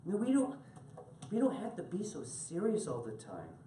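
A male pastor preaching a sermon to his congregation, animated and laughing as he tells stories and calls on people by name. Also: high voice, moderate pace, a little hiss or hum. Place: church sanctuary. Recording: echoey room from far off.

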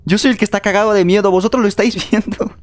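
A man's voice: sits high, steady tone, racing. A man streaming a multiplayer horror game, talking to his viewers and teammates, and shrieking and swearing whenever he gets scared. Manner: jumpy, screams and swears when scared. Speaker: gaming streamer. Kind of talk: live let's-play commentary.

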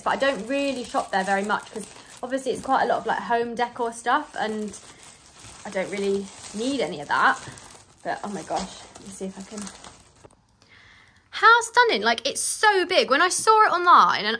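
A woman's voice: on the high side, bright, forceful tone, low-quality recording. A young woman from England, chatting casually to her phone camera in a rambling vlog full of fillers. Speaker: vlogger. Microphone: handheld phone.

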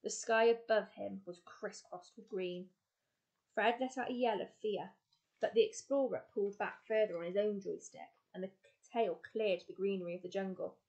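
A woman teacher narrates a children's novel in a plain storybook read-aloud. Her delivery is steady, with a few quick self-corrections. Her voice sits in an ordinary middle pitch. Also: muffled recording.

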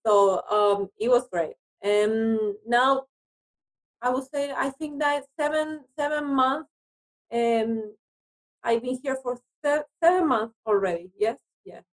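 A woman from Argentina, whose first language is Spanish, appears as a guest in a conversational interview, speaking hesitant English with an Argentine accent and repeating words. Her voice is a little high and she takes it slowly. The recording is rough.

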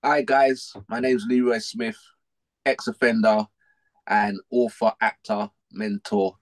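A middle-aged man from South London, speaking with a South London accent, tells his life story as a podcast guest in a lowish voice at a slow pace. His talk is casual, slangy and animated, and he repeats himself.

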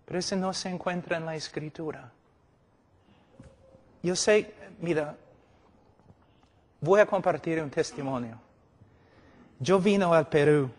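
A man preaching a sermon, impassioned and swinging between hushed and loud. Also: on the high side, long reverb tail.

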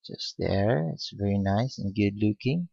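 A man giving a step-by-step painting lesson, speaking unhurriedly with many pauses and fillers. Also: on the low side, lively intonation, vocal fry, dark tone, breathy edge, no room sound. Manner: unhurried, hesitant with frequent fillers. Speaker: painting instructor. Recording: dull lo-fi recording.

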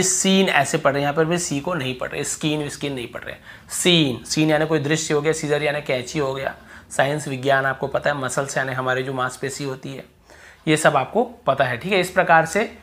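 Man slowly teaching pronunciation rules. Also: fairly high pitch, fairly bright tone. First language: Hindi. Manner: explains slowly, repeats words for drill. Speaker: English teacher. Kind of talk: classroom lesson.

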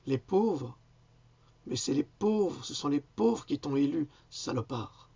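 A man's voice: a little high, lively intonation, unhurried, creaky, mellow, breathy edge, highs cut off. A man giving an indignant, insulting political rant, hesitating often with fillers. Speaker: video commentator. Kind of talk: ranting political commentary.

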